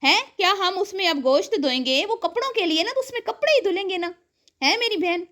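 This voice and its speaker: A woman's voice: extremely high pitch, expressive, bright, forceful tone. A woman giving sarcastic, scolding reaction commentary and calling the viewer her sister. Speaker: online commentator reacting to other creators.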